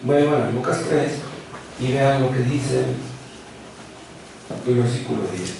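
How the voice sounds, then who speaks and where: A man's voice: mid-range voice, fairly even intonation, takes it slowly, vocal fry, noisy background. A man preaching a sermon as pastor, asking the congregation rhetorical questions and acting out quoted speech. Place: church hall. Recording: roomy church sound from a distant mic.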